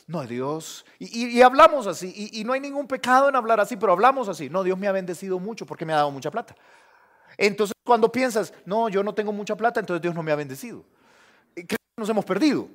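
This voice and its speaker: A man's voice: sits high, a bit bright. A male pastor preaching a sermon in a conversational way, often speaking to the listener as "brother".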